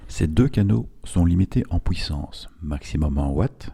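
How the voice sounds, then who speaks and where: A man's voice: deep voice, animated, measured pace, vocal fry, warm tone, breathy edge. A man reading a scripted instructional narration in a didactic, step-by-step way, as an instructor would.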